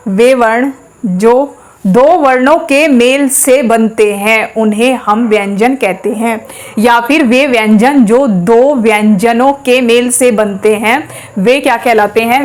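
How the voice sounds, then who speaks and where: A woman teaches a class with a slightly high voice. She goes step by step, stops to ask questions and then answers them herself. She sounds out each letter slowly for the class to repeat. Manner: says sounds aloud slowly for practice. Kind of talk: classroom lesson.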